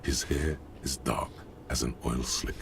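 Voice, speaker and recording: A male actor playing a solemn, erudite game narrator with a gravelly voice and measured, darkly poetic delivery. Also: very deep voice, fairly even intonation, fairly bright tone, a little hiss or hum, heavily acted.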